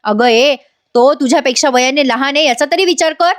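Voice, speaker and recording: A woman's voice: high voice, a little fast, lightly acted. Sachin, a woman voicing a sneering accusing husband. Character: angry scheming young husband, man.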